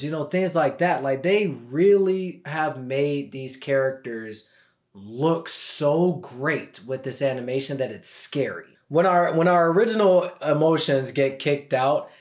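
A young man reviewing a movie in a loose, excited, slangy way, his voice sitting a little higher than most men's. He records at home in an echoey room, with his voice bouncing off the walls. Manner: enthusiastic, casual, swears, informal slang. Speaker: film reviewer host.

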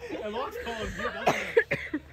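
A man's voice: extremely high pitch, wildly swooping pitch, takes it slowly, sharp tone. A man standing by on a street, joking offhandedly and swearing casually. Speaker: bystander. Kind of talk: casual banter. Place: outdoors on a street. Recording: distant from the phone with street bustle.

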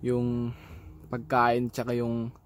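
A Filipino-accented man in the middle of his pitch range keeps his voice flat and even as he rambles through a casual outdoor vlog. He restarts often and fills pauses, filming himself by his pigeon loft. Faint outdoor ambience sits behind him. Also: slight background noise. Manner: relaxed, rambling, many restarts and fillers.

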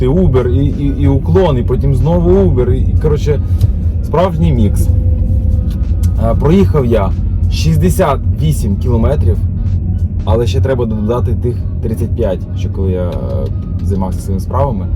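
A man talks casually from behind the wheel of his car, rambling through his thoughts with plenty of hesitations and restarts. He is recorded on a phone mounted inside the car, with music playing under his voice. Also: mid-range voice. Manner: rambling, thinking aloud with many filler sounds and restarts. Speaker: taxi driver vlogger. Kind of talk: casual chat while driving. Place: inside a car while driving. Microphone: phone camera mounted in the car. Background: background music and car noise.

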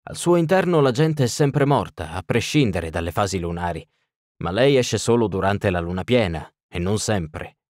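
A man voicing a measured, faintly ironic bearded nobleman in an audiobook, in a raised voice. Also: on the low side, lively intonation, darkish tone, dry recording, clean studio sound, lightly acted. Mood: matter-of-fact. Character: smooth, wry bearded male nobleman.

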